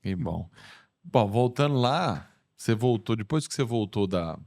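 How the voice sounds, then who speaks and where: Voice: mid-range voice, animated, measured pace, darkish tone. Podcast host with short affirming replies. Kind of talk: casual interview questions.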